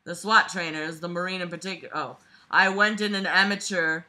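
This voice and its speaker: Recorded on a device's camera mic at arm's length, a young woman reads a book aloud while lying on a bed in a small bedroom. She breaks in with casual commentary, sarcastic and exasperated, and swears freely. Her voice is on the low side, pushed and bright, with fairly even intonation and a brisk pace.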